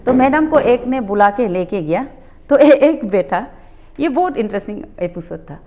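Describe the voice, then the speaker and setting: A middle-aged woman from Arunachal Pradesh recounts events as a talk-show guest, her voice fairly high and swinging widely in pitch. She slips into the voices of the people she quotes and drops English words into her speech. Her pace stays conversational. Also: moderate pace. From Arunachal Pradesh, India. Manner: animated, acts out quoted exchanges, mixes in English words. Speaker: public health nursing officer, guest. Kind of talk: conversational storytelling.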